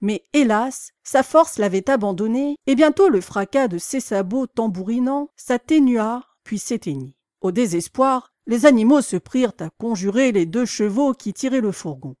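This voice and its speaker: A woman narrating a classic novel as an audiobook in a measured, dramatic storytelling manner. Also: on the high side, animated, darkish tone, no echo, studio quality. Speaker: audiobook reader.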